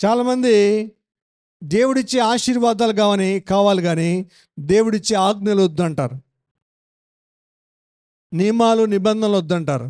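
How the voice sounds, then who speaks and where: Male pastor, high pitch, emphatic teaching sermon with rhetorical questions. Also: moderate pace, pauses often, a little mellow. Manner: emphatic, repeats phrases, asks the congregation questions. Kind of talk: Bible-study sermon.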